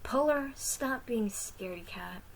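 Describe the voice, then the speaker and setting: A woman's voice: medium pitch, expressive, normal speed, a little hiss or hum, natural voice, poor audio. A woman voicing a curious, fearless young woman who teases her friend. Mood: teasing. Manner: teasing, dismissive.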